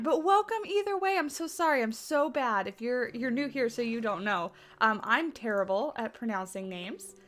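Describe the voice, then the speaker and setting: A woman with a somewhat high, slightly bright voice hosts a game livestream casually, rambling with lots of fillers and restarts. She sounds congested and sniffly from allergies.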